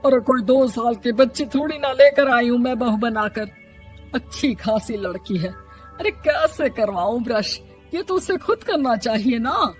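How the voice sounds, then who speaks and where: A fussy middle-aged cartoon mother-in-law, voiced by a woman, nagging and scolding in a fairly high voice. Soft music runs behind her. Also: lively intonation, unhurried. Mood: complaining. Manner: scolding, complaining. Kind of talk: cartoon voice acting.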